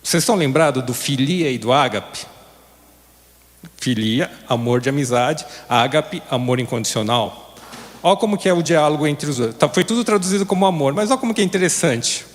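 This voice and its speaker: A man's voice: on the high side, lively intonation, fairly quick. A man preaching in a conversational way at a recovery group, asking his listeners questions. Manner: conversational, asks the audience questions. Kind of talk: sermon. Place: church hall. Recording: long reverb of a hall.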